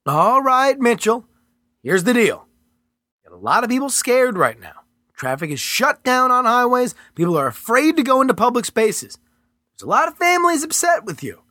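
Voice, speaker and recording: A man reading the part of a cold male federal agent who talks in a smooth, condescending, taunting way. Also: extremely high pitch, very animated, moderate pace, pushed and bright, no room sound, clean studio sound, voice pushed up, full character voice.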